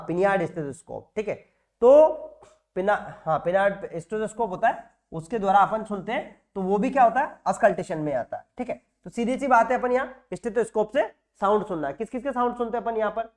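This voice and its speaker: A man's voice: high-pitched, a little mellow. A man teaching nursing exam material in a classroom lecture style, repeating key words and asking and answering his own questions.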